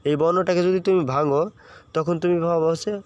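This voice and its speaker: Young guy teacher, slightly high voice, goes over each rule again and again, keeps asking questions. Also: fairly even intonation, fast talker, clear, resonant tone, dull audio. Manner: explains step by step, repeats points, asks students questions. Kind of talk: Bengali pronunciation lesson.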